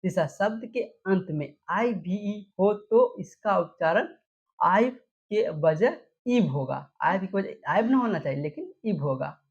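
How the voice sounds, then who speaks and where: A woman's voice: medium pitch, animated, a little slow, darkish tone, slightly rough. A woman teaching English spelling rules, who repeats each example word and asks the class questions before answering them herself. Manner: repeats words and quizzes with questions. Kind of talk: explaining rules to students. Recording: dull lo-fi recording.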